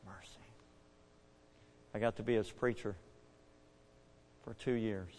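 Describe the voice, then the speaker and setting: An older man, a pastor, preaching a story-driven sermon, shifting from hushed asides to booming bursts. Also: takes it slowly, in a large hall, a little hiss or hum. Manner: animated, swings from hushed to booming. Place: church.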